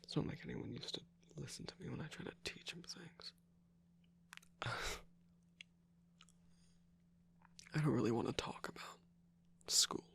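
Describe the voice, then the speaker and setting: Shadow Milk Cookie, a gravelly whispering trickster voiced by a performer. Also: mid-range voice, normal speed, pauses often, fairly bright tone. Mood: defensive. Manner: dismissive, teasing, evasive, with sighs and laughs. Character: sarcastic mischievous male cookie jester, scheming. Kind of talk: ASMR roleplay.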